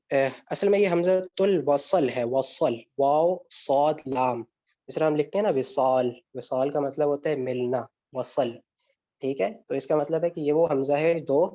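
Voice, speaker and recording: Speaking in a mellow, slightly high voice, a male Arabic grammar teacher walks through an online lecture step by step. He regularly asks himself questions and answers them, and students can also ask questions. The sound is dull lo-fi.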